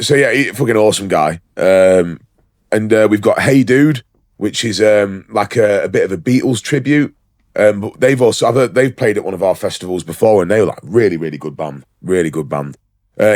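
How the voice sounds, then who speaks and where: Man, lowish voice, rambling podcast chatter, lots of ums and swearing, dry close sound. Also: lively intonation, fairly quick, a little mellow, dry recording. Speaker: podcast co-host. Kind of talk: casual podcast chat.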